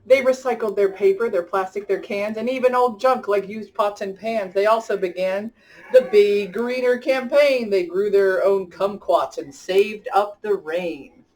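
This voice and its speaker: This woman has a medium-pitched, slightly mellow voice and speaks a little slowly. As a story-time host, she eagerly talks straight to children, mixing chat with reading a picture book aloud, and the mic is far from her.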